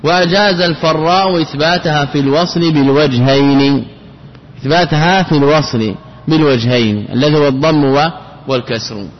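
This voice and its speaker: A man with a fairly high voice, slightly raised, moves briskly through a classroom lecture on Arabic grammar. He repeatedly poses rhetorical questions and restates key phrases. The recording is dull and lo-fi, echoing like a long hall.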